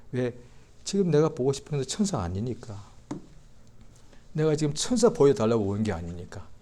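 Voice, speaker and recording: A male pastor with a fairly low voice preaches a Sunday sermon, acting out the story in different voices and swinging between quiet talk and loud outbursts.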